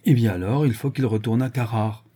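A man voicing a sharp-tongued young woman who speaks in a brisk, firm, reasoning way. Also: mid-range voice, slightly rough, lightly acted.

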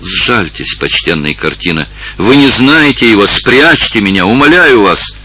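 A man's voice: low-pitched, lively intonation, normal speed, pushed and bright, a little hiss or hum, low-quality recording. A man voicing a frightened fifteen-year-old peasant girl who pleads urgently in an audiobook. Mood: desperate pleading.

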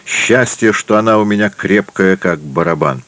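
A man's voice: low-pitched, moderate pace, fairly bright tone, no room sound. A man voicing a hot-tempered male Catalan companion who swears and exclaims. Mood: grumbling.

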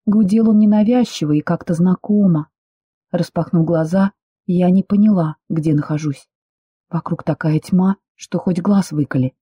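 A woman narrating a first-person novel as an audiobook, with steady, expressive storytelling. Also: on the low side, normal speed, slightly rough, no echo, highs cut off.

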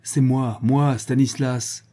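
A man's voice: mid-range voice, steady tone, slow pace, mellow, voice pushed up, close to an everyday voice. A man voicing a furious jealous soldier. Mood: raging. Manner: accusing, cursing outbursts. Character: wounded jealous young soldier, furious and bitter.

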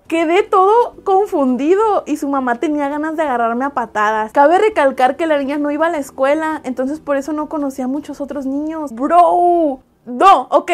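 Young woman, Mexican accent, high voice, animated storytime host, frequent laughs. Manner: animated, laughs often, loud exclamations. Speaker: host reading viewer stories. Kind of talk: casual storytime commentary.

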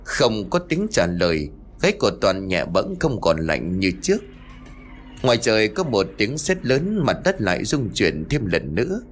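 A man with a low voice tells a ghost story, his delivery lively and rising and falling with suspense. Faint music sits under the narration. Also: normal speed. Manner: suspenseful, expressive.

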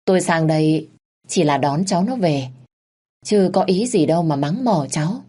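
A woman's voice: fairly low pitch, moderate pace, darkish tone, natural voice. A woman voicing a rich, two-faced mother-in-law who speaks in a sugary, ingratiating way. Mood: falsely sweet.

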